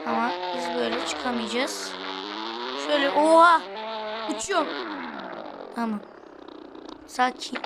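Woman, high voice, casual gameplay chatter, coaching a sibling, loud background noise. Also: measured pace, gravelly, pauses often. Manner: chatty, coaching a sibling while driving in-game. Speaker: gaming video host.

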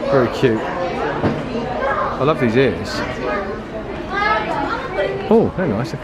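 A man's voice: medium pitch, very animated, very slow. A middle-aged man narrating a casual vlog while walking through a resort. He talks in an enthusiastic, chatty way and often trails off with fillers. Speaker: vlogger, dad. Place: busy resort lounge and restaurant indoors. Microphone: handheld camera. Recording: loud crowd and room noise.

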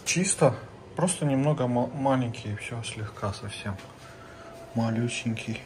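A man's voice: mid-range voice, measured pace. Chatty man vlogging with a phone. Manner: chatty, addresses viewers as friends, many fillers. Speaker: travel vlogger. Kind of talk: casual travel vlog narration. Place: outdoors and in hotel rooms, walking with a phone.

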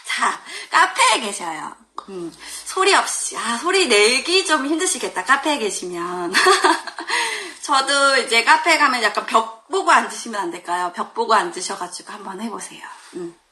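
A woman teaching pronunciation in a live online lesson, speaking directly to her viewers. She laughs often and sounds out each syllable loudly, with exaggerated tones. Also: fairly high pitch, sing-song, moderate pace, few pauses. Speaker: Chinese teacher.

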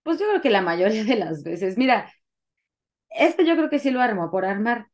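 A woman's voice: a little high, moderate pace. A young adult woman with a Mexican Spanish accent, telling her personal story as a guest in an interview, acting out the dialogue as she goes. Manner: animated storytelling, acts out quoted dialogue.

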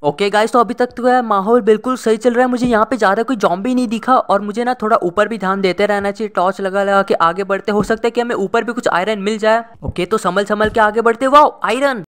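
A man giving excitable gameplay commentary, chatty with his viewers and breaking into frantic exclamations. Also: sits high, quick pace, hardly any pauses, clean tone. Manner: chatty, addresses viewers as guys and brother. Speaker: gaming channel host.

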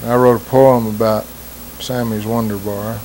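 A man's voice: lowish voice, level tone, measured pace, a little mellow, rough recording. A middle-aged man with an American West accent and a plainspoken cowboy twang, telling stories and reciting rhymed cowboy poetry. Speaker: cowboy poet. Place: small wood-panelled room indoors. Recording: hissy old home video sound.

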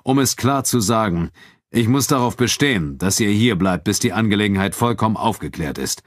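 A man voicing a calm, cold-voiced town official. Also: on the low side, no room sound, clean studio sound, pitched above the performer's own voice, close to an everyday voice. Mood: calm firm. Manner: calm, measured, quietly firm.

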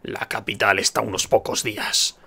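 Spanish dude reading a tired doubtful young chief from a game, slow and low-key. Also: male voice, flat delivery, gravelly, pushed and bright, husky, full character voice. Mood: weary. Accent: Spanish from Spain.

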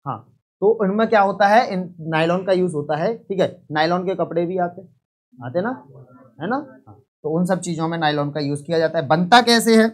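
A man's voice: high voice, brisk. A man teaching a live online chemistry lesson, repeating each point and quizzing students.

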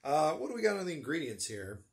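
A middle-aged man with a husky voice gives a casual, wry snack review with dry humor. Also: on the high side, sing-song, quick pace. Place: small room with bookshelves, indoors.

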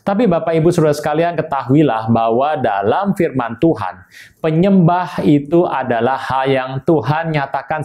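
Guy preaching online, kinda high voice, keeps talking right to the viewers. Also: a little mellow. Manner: emphatic, repeatedly addresses the audience directly. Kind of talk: online sermon teaching.

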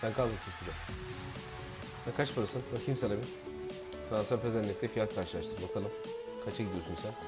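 A man commentating his own football video game, frustrated, shouting and swearing at his players. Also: lowish voice, a little fast, long pauses, loud music behind the voice. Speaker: gaming YouTuber.

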